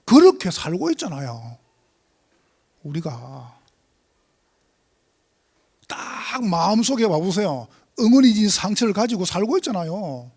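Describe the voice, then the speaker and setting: A male pastor preaching a sermon, emphatic, swinging from loud exclamations to near-whispers. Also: sits high, sing-song, unhurried, long pauses.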